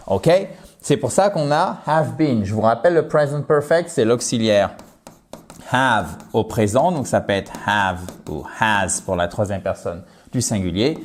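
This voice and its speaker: A man explaining English grammar to viewers in a lively, direct way, joking about his own slips. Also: mid-range voice. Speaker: English teacher.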